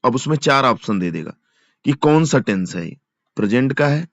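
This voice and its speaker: A man giving an exam-prep grammar lesson. He explains patiently and repeats each example slowly, as if dictating. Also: mid-range voice, animated, no room sound. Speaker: English teacher. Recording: dull lo-fi sound, dry.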